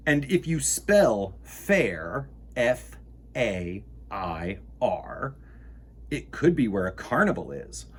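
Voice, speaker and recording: He's a children's storytime host with a fairly low, husky voice, reading and chatting to kids in an enthusiastic, encouraging way. His delivery is slow and sing-song, full of expression.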